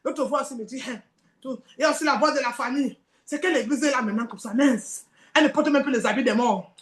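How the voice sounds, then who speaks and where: High-voiced woman preaching a dramatic sermon. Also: fast talker, echoey room. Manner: dramatic, acts out tempting voices in dialogue.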